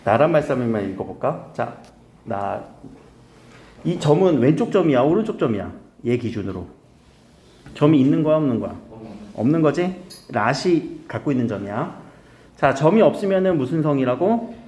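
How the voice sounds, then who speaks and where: A man teaching grammar in a casual recorded lecture, often quizzing his students with quick questions. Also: a little high, big pitch swings, mellow, a little hiss or hum. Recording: echoey room.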